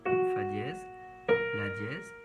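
A man with a lowish, expressive voice teaches piano step by step, speaking very slowly in short instructional phrases and naming notes one at a time. A keyboard piano is played over his voice.

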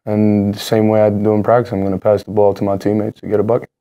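A young college basketball player giving halting postgame answers at a press table, full of fillers and restarts. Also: male voice, fairly low pitch, flat delivery, warm tone, poor audio. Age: young adult. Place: press room in front of a team backdrop.

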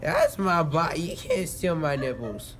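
A man's voice: fairly high pitch, expressive, measured pace. A teenage boy, groggy from anesthesia, rambling as a patient in a dazed, insistent, repetitive way. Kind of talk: rambling casual talk. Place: small hospital recovery room, indoors. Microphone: handheld phone camera nearby. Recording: phone video with room chatter.

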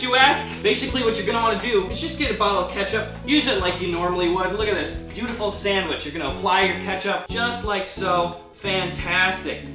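A young man in his twenties hosting a sarcastic mock cooking show, talking with mock cheer and exasperation and yelling at his roommate. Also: high voice. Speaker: comedy host. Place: small home kitchen. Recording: echoey kitchen with background music.

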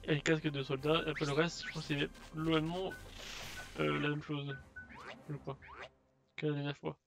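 Un homme qui commente sa partie de jeu vidéo de façon décontractée, en hésitant beaucoup. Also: male voice, a little high, little pitch movement, moderate pace, gravelly. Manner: hesitant, many fillers and restarts. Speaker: gamer. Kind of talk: casual let's play commentary. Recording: dull lo-fi sound, faint game music.

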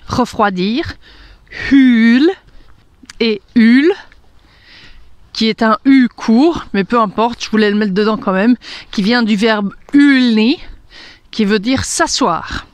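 In a dry recording, a Hungarian-accented woman with a fairly high voice leads a language lesson. She repeats words individually with slow, careful pronunciation and laughs softly now and then.

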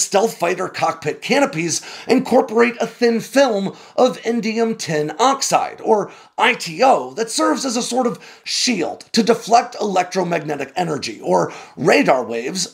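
A man in his forties hosting a defense news explainer, reading a script with a lively, conversational delivery from a small home studio. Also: high voice, vocal fry. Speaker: host of a defense news channel.

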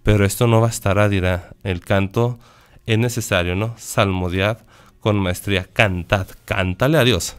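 A man's voice: medium pitch, clear, resonant tone. A man, a priest on a radio program, reading a text aloud and explaining it. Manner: reads a passage aloud, then explains it. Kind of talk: teaching commentary on a reading. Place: radio studio.

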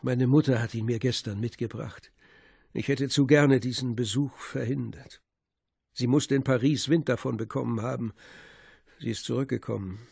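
A frightened, sickly doctor, as a narrator puts him on, talking in a weary, complaining way. His voice is gravelly and husky. It is recorded close and dry. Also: medium pitch, steady tone, moderate pace, a little mellow, no room sound. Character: frightened, sickly male doctor in a jail cell. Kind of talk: audiobook character voice.

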